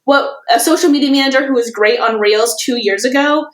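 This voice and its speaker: Woman, podcast guest, higher voice, rambling and filler-heavy, quick to laugh, roomy echo. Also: a bit bright. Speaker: guest, social media manager and course teacher. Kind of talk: casual podcast conversation.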